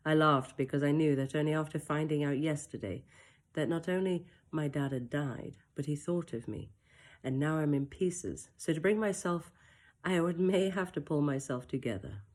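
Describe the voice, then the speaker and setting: A woman with a low-pitched voice reads her own first-person story aloud at a normal speed. Her delivery is soft, emotional and reflective, broken by brief self-mocking asides.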